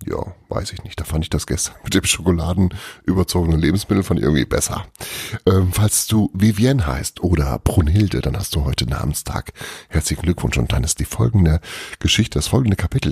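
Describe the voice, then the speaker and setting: A man reads an Advent calendar story aloud after a chatty opening. His voice is low and gravelly with a strongly breathy, husky grain, and it sounds close and dry. He reads slowly, with a lot of pitch movement. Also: dry recording. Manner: chatty intro, then expressive reading.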